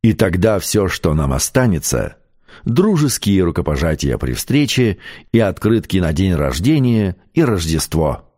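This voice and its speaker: A man narrating an audiobook in a measured, expressive storytelling manner. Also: sits low. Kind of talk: scripted narration.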